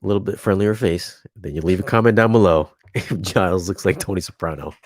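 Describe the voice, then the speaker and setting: Deep-voiced laid-back male co-host. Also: a little fast, no echo, studio quality. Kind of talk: casual live-stream chat.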